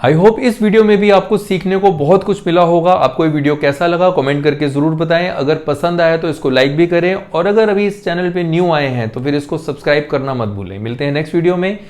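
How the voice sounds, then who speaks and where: A man teaching English pronunciation in an online lesson. He explains in Hindi mixed with English and says example words slowly, repeating each one. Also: on the high side, a little mellow.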